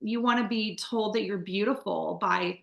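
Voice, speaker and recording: A woman from the Midwestern United States, in her forties, gives conversational testimony about her life as an interview guest, chatty and candid with many fillers and restarts. Her medium-pitched voice is gravelly and fairly bright, at a normal speed. The audio is reverberant and muffled.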